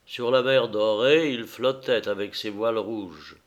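A man narrating a literary tale in a measured, unhurried storytelling manner. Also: lowish voice. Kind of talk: literary audiobook reading.

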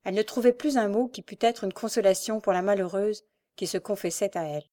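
A woman's voice: mid-range voice, a little fast, warm tone. Woman reading a novel aloud. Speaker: audiobook reader. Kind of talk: scripted narration of a classic novel.

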